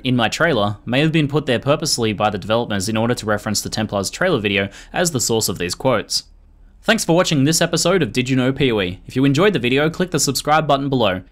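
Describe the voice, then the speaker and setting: A man reading scripted video narration in a measured, informative manner. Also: medium pitch. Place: voice-over recording. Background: music.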